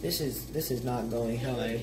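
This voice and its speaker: A man's voice: medium pitch, moderate pace. A teenage boy joking his way through a cooking vlog in a home kitchen. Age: teens. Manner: joking, self-mocking. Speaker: home cook vlogger. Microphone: phone camera on counter. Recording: noisy kitchen with clatter.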